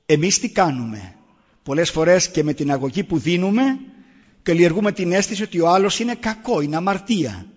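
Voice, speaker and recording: A middle-aged man with a slightly high, breathy-edged voice speaks earnestly to an audience and presses his points with rhetorical questions. His voice rings with a long echo from a large hall, and the recording sounds dull and muffled. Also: lively intonation. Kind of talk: public talk on raising children.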